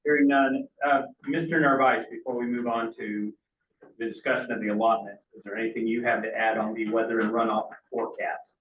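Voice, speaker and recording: A man's voice: mid-range voice, little pitch movement, brisk. A man acting as board chairman, speaking formally and courteously as he runs meeting procedure. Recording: distant, roomy, dull, faint noise.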